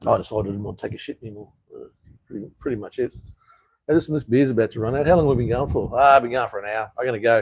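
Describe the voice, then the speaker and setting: A man's voice: mid-range voice, rapid-fire, creaky, breathy edge, rough recording. Australian man, blunt, swears a lot, casual live-stream chat, reads comments aloud. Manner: blunt, swears often, says "mate".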